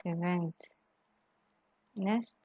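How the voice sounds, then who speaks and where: A woman's voice: on the low side, very slow, dark tone, slight background noise. A woman teaching English, patiently explaining word stress and mixing English words into her explanations. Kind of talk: tutoring lesson on word stress.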